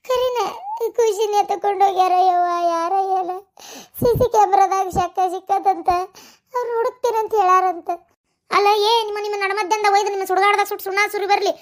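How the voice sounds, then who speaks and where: A woman voicing an older, fiery grandmother in a cartoon, scolding and heaping curses in a North Karnataka Kannada accent. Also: extremely high pitch. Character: fiery cursing old grandmother, sharp-tongued. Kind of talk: cartoon voice acting.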